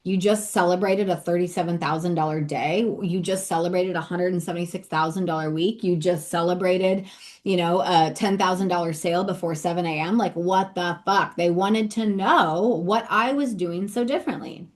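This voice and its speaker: A woman's voice: lowish voice, steady tone, moderate pace. A woman in her thirties, a business coach hosting a podcast, talking energetically and emphatically in a casual motivational monologue full of rhetorical questions.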